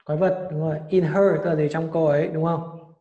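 A man teaching English vocabulary and correcting a student's pronunciation in a brisk, prompting way. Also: on the high side, level tone, warm tone, highs cut off. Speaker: English tutor. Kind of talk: vocabulary lesson with drills. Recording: echoey room with long reverb.

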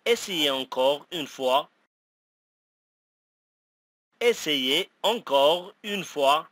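A man reading short phrases for a language lesson, saying each one twice, slowly and clearly. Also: on the high side, lively intonation, fairly bright tone, no echo. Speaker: language teacher.

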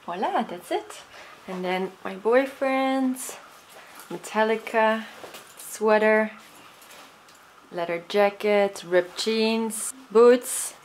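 A woman's voice: medium pitch, extremely slow, long pauses, slight background noise, rough recording. A young woman in casual vlog chat, walking outdoors in a city and talking to a handheld camera, upbeat and chatty with French words mixed in. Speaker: vlogger. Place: walking outdoors on city streets and in a small café. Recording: loud street ambience.

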